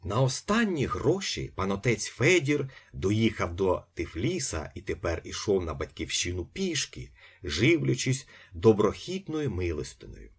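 Husky, lively male audiobook reader. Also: on the low side, a little slow. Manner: expressive storytelling. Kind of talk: scripted narration.

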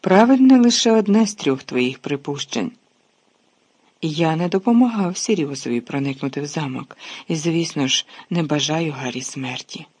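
A narrator reading an audiobook, voicing a calm, weary adult male teacher who speaks in measured tones. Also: medium pitch, husky.

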